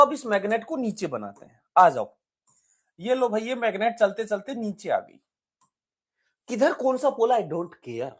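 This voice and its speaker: A male physics tutor with a fairly high voice explains exam problems in a lively, conversational way. He keeps checking in with his students and slips English technical terms into his talk. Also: husky. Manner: lively, chatty teaching that asks the students questions. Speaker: physics teacher. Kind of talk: exam-prep physics lecture.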